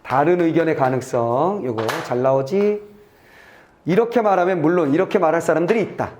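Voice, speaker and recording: A male Korean exam-prep teacher walking students through a test passage, reading lines aloud and checking in with quick asides that trail off low. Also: a little mellow, slight background noise. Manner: brisk and chatty, reads aloud then checks "됐지?" and trails off low.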